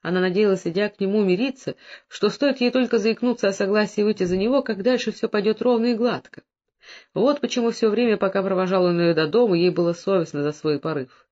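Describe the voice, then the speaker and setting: A narrator reads a novel aloud in a steady, even storytelling manner. The recording is dull and lo-fi, with a medium-pitched voice. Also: brisk. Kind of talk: scripted audiobook narration.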